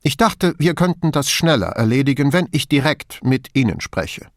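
A man's voice: a little high, sing-song, unhurried, no room sound, clean studio sound, pitched above the performer's own voice. A man reading an audiobook, playing a fussy, submissive male bureaucrat in a raised, pedantic voice.

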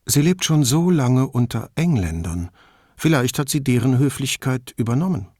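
A man voicing a cultured, quick-witted wife in an audiobook, speaking in a lightly teasing, assured way. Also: medium pitch, sing-song, darkish tone, dry recording, clean studio sound. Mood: curious.

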